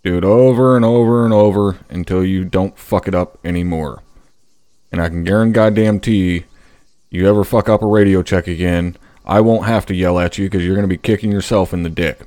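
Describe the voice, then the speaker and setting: Blunt, profane man with a lowish voice. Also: fairly even intonation, normal speed, warm tone, no echo. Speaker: first sergeant leading radio drill training in an online military game. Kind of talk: gruff military instruction and casual chat.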